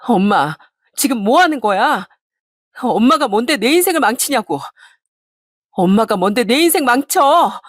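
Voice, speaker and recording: A woman's voice: a little high, expressive, moderate pace, dry recording. A young bride-to-be sobs and pleads, acted by a woman. Her voice sits well above the narration, strained with tears, in a dry storybook read. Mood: crying anger. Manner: pleading, tearful outbursts. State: crying. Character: young woman doctor, sobbing bride-to-be, desperate.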